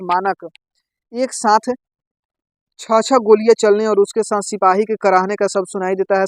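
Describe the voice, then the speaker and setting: A man's voice: high voice, no room sound, rough recording. Man explaining a play, dry close sound. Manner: reads lines aloud, then explains them in plain words. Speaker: teacher.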